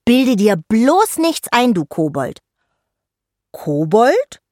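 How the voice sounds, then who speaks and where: A cheeky little fairy girl with a high, bubbly voice, put on by a woman reading a storybook aloud. She sounds lively and a bit louder than the narration. The recording is dry and close. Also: fast, no room sound. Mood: teasing.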